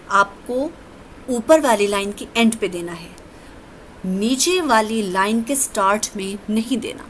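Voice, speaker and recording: Slow, patient woman teacher. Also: mid-range voice, pushed and bright, a little hiss or hum, poor audio. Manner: patient, step-by-step explaining. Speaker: English teacher. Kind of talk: recorded classroom lecture.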